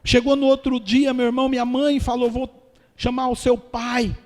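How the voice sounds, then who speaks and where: A man preaches his own testimony in a church, recounting his story earnestly and turning to the congregation as brothers. His voice sits high for a man, and it rings out with the long reverb of a large hall. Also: flat delivery, moderate pace. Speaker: pastor.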